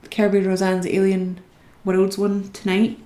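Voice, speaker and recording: A woman's voice: mid-range voice, completely flat delivery, a little slow, warm tone, roomy sound. A young Scottish woman chatting with viewers as she colours during a live stream. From Scotland. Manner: chatty, talks to viewers while working. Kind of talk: casual chat while colouring.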